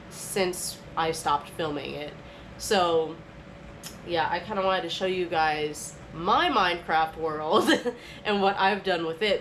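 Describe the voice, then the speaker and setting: A woman's voice: lowish voice, a bit bright, a little hiss or hum, low-quality recording. A young adult woman chatting to camera at home in a rambling, casual way, full of filler words. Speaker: vlogger.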